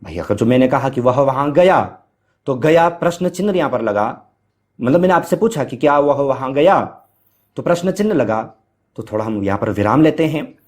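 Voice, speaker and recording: A man's voice: medium pitch, very animated, a little fast, darkish tone. Man teaching with rhetorical questions. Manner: explains with rhetorical questions and fillers; chants Sanskrit verse at varying speed. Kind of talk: Hindi grammar lecture.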